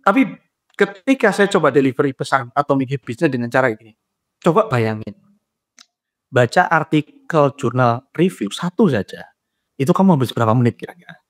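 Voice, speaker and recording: Young man guest, chatty explainer, acts out quoted exchanges, mid-pitched voice. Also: fairly quick. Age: young adult. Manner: lively explainer who acts out dialogues and laughs at his own points. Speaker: guest, graduate psychology student and trainer. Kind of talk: casual interview talk.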